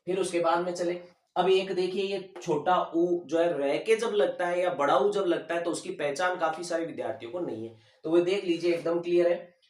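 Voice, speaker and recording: A man teaching a lesson, patiently explaining and slowly repeating sounds syllable by syllable. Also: high-pitched. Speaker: Hindi teacher. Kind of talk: classroom-style lesson explanation. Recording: echoey room, voice a bit far from the mic.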